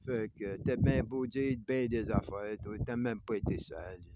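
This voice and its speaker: A man's voice: lowish voice, fairly even intonation, normal speed. Ranting Québécois man, noisy recording. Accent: Québécois French. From North America. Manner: heated, confrontational, constantly addresses a "you" and tags "man". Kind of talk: ranting monologue. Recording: noisy clicking background.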